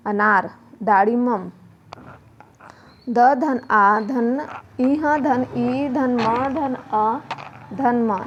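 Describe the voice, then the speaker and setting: A woman teacher going slowly through a children's worksheet, spelling words letter by letter and answering her own questions. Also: a little high. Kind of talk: slow worksheet lesson for children. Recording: muffled home video with faint noise.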